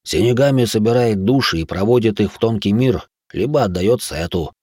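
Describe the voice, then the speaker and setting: A man's voice: lowish voice, expressive, moderate pace, a little mellow, no echo, clean studio sound. A man voicing a jumpy, superstitious male raccoon spirit who talks nervously and hisses in alarm. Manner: nervous, hissing, fearful.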